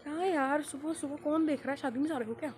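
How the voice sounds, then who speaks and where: Speaking quickly in a high, darkish voice with a faint hiss or hum, a teen girl vlogs about her student life in casual Hinglish. She pokes fun at herself while walking outside in the morning, then continues talking once she's home.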